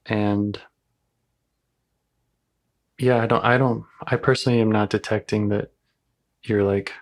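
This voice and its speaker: A man guiding a client as a therapist in a live session, calm and gentle, reflecting back what he hears. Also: on the low side, measured pace.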